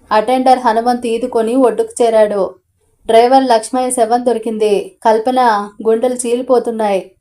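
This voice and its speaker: A woman reads a novel aloud for an audiobook channel. Her voice sits a little higher than most women's. She tells the first-person story and voices the dialogue without changing her tone. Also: warm tone. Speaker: audiobook narrator.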